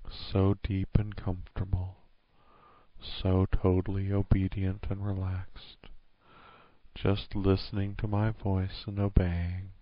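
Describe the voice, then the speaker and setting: A man with a very low voice guides a hypnosis induction right in your ear. His delivery is extremely slow and flat, hushed and soothing but commanding. The close recording sounds muffled and dull. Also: dry recording. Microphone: close microphone, dry.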